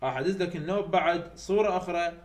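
A man with an Iraqi Arabic accent giving an online university lecture, repeating key points slowly to drill his students. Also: high voice. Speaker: university English tutor. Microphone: computer mic over weak internet.

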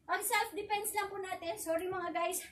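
A woman with a very high, bright and sharp voice, out of breath as she leads a casual self-defense drill. She chats, laughs easily and barks out counted shouts. Her voice sounds distant from the mic. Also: fairly even intonation, normal speed. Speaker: self-defense tutorial vlogger.

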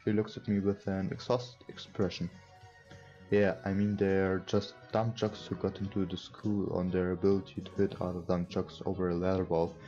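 A young man speaks in a low, flat voice with a dark tone at a normal speed. English isn't his first language; he's a let's player reading game text aloud and commenting casually from a small room at his computer. The recording is muffled, with visual novel background music playing.

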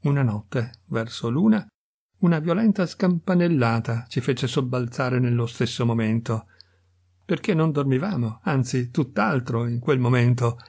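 A man narrates a literary story in a measured, expressive way. His voice is husky and sits at an ordinary middle pitch. He reads like a channel host reading an audiobook. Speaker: reader of audiobook stories.

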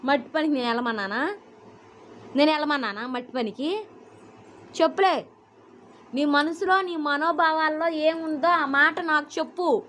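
A woman's voice: high voice, moderate pace, long pauses, a bit bright, a little hiss or hum. A young woman, a mother, sternly scolding her small child at home with repeated questions and commands. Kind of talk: casual home vlog, talking to a child.

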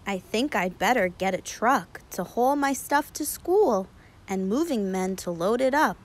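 In a mid-range voice, a woman narrates a picture book for children with the deliberate expressiveness of a teacher, using a child-directed storytelling manner.

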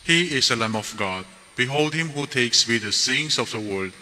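A priest speaking the words of the Mass slowly and solemnly at the altar of a large church. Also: male voice, mid-range voice, animated, pushed and bright. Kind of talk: liturgical speech at Mass. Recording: church hall reverb.

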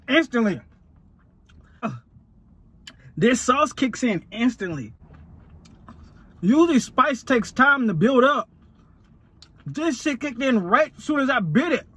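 A man's voice: extremely high pitch, very animated, takes it slowly, pauses often, a bit bright, slightly rough. A man in his thirties vlogging casually from a parked truck, exclaiming as his mouth burns from spicy food. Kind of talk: casual solo vlog talk. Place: inside a parked pickup truck.

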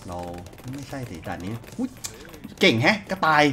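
A man's voice: mid-range voice, wildly swooping pitch, moderate pace, bright, forceful tone. A man giving casual let's-play commentary, chatty and thinking aloud as he plays. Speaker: gaming YouTuber.

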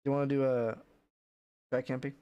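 Streamer guy wrapping up, loose and mumbly, dry livestream headset sound, mid-pitched. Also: level tone, normal speed, dark tone, smooth, no echo, muffled recording. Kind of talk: casual chat with viewers.

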